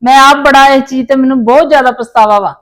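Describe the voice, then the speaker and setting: A woman with a high-pitched voice plays a mother-in-law in a family drama. She pleads and apologises, full of self-pity, asking to be forgiven. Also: steady tone, quick pace, fairly bright tone. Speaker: mother-in-law wanting her grandson back. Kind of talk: scripted village family drama.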